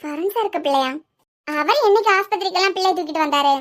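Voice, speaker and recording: A woman's voice: extremely high pitch, quick pace, fairly bright tone, faint music behind. A woman voicing a gossipy young hospital nurse in a cartoon serial, chattering with a Kanyakumari Tamil accent.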